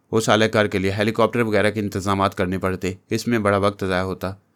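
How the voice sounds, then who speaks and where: A man narrating an Urdu novel aloud in a deep, steady storytelling voice. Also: smooth. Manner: deep, steady storytelling voice reading all parts.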